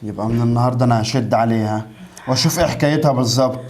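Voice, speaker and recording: Man acting as an earnest Egyptian husband, quick talker, mid-pitched. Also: darkish tone, slight background noise, lightly acted. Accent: Egyptian Arabic. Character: gullible young husband, swayed by his mother.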